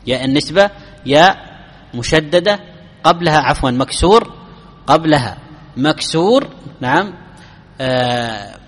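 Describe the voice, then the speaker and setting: A man giving a classical Arabic grammar lesson, explaining rules step by step, asking his students questions and chanting verses slowly. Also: on the high side, expressive, fairly bright tone. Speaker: grammar teacher. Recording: long hall reverb.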